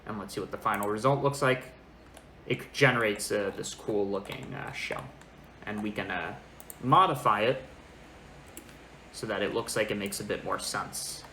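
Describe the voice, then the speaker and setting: A young man in his twenties giving a casual software tutorial, thinking aloud informally as he works. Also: on the low side, moderate pace, long pauses. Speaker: tutorial presenter. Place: small indoor room. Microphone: makeshift microphone, not the usual good one. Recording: echoey room, fan noise, lesser microphone. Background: fan noise, computer keyboard.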